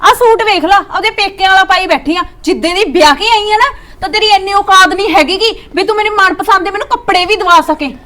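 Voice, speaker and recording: An actress playing a resentful, sharp-tongued young wife who nags and mutters bitterly, with a Malwa Punjabi accent, in a Punjabi short drama. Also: female voice, very high voice, brisk, hardly any pauses. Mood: scornful. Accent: Punjabi, Malwa region. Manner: nagging, bitter complaints, scornful asides muttered to herself.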